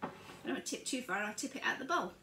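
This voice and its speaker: Rapid-fire and animated, this older woman speaks on the high side in a very noisy recording. Working through a breakfast recipe at home, the chatty vlogger describes each step as she goes, with the camera across the counter and dishes clattering in the echoey kitchen.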